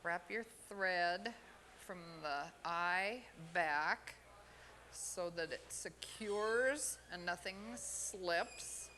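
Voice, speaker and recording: Woman demonstrating fly tying, slow and deliberate, bright tone, faint hall ambience. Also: lowish voice, a little hiss or hum. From Oregon, USA. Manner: unhurried, plain instructional talk with pauses. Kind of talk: step-by-step demonstration. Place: expo hall.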